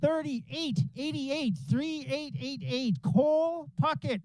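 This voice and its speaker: A man calling a ski race live, excitedly repeating racers' names and finish times. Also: very high-pitched, slow pace, dry recording, rough recording. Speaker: race announcer. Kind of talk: live sports commentary.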